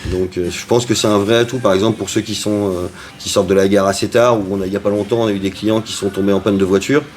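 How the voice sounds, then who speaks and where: Fast-talking man, chatty restaurant cook. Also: lowish voice, steady tone, a little mellow. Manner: chatty, with frequent hesitations. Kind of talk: casual interview answers.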